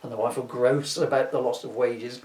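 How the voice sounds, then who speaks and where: A man's voice: mid-range voice, steady tone, normal speed, darkish tone, natural voice. A man voicing a sardonic, henpecked, foul-mouthed Christmas ghost in a comic audiobook, rambling and complaining in mock-archaic words. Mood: grumbling. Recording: roomy, echoey, distant microphone.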